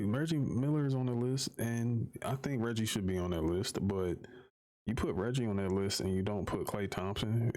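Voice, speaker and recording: Deep-voiced man ranting on stream. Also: a little mellow. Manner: profane, exasperated, repeats himself while arguing. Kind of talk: casual rant to a live stream audience.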